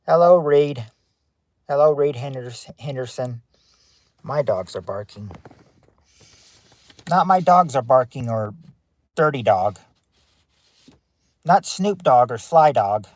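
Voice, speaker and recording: Man, livestream game host, upbeat and chatty, greets chat by name, mid pitch, dry close sound from his car. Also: expressive, slow pace, long pauses, a little mellow, no echo. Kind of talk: casual game show hosting on a livestream. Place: in his car parked outside a courthouse.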